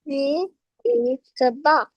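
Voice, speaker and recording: A woman's voice: high voice, lively intonation, takes it slowly. A woman learning English, echoing her tutor's words in short careful repetitions. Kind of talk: repeating after a tutor.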